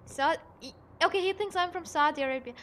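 A woman's voice: extremely high pitch, quick pace, fairly bright tone, a little hiss or hum. A woman streaming a game, chatting playfully with a teammate and her viewers. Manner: playful, laughing easily. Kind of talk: casual gaming livestream chat.

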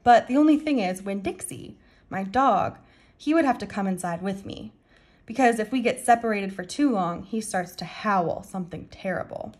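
A woman's voice: medium pitch, normal speed, a little mellow, close to an everyday voice. A woman reading the part of an eager, polite preacher's daughter, earnest and folksy, in a children's story. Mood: earnest pleading.

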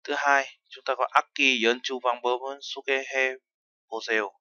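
A man's voice: medium pitch, steady tone, a little slow, pushed and bright, no echo, dull audio. A man teaching a language lesson, explaining terms step by step and mixing in foreign words. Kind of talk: lesson narration.

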